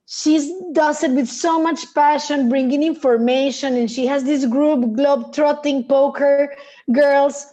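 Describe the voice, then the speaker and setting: A woman speaks as a guest on a casual panel call, her voice high and mellow. She talks thoughtfully, pausing and restarting as she goes. Her tone stays warm and relaxed throughout. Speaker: poker festival founder, panel guest.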